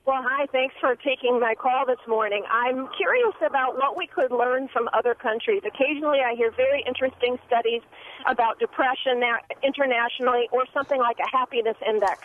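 A woman's voice: high-pitched, brisk, slight background noise. Polite woman caller on a phone. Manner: polite, thoughtful, slightly formal phrasing. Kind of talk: call-in question. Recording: tinny phone line.

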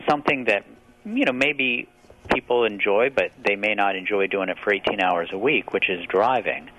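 A man's voice: lowish voice, rough recording. Man over a landline phone, chatty. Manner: animated, chatty storytelling with folksy exclamations. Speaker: guest author. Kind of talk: casual radio interview.

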